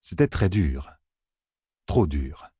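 Male audiobook narrator, deep, husky, dry close sound. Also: very animated, slow, dark tone, dry recording. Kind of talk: scripted fantasy narration.

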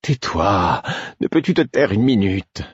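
A man voicing an exhausted, exasperated young mother in an audiobook, raising his voice into shrill outbursts. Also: big pitch swings, normal speed, breathy edge, dry recording, highs cut off.

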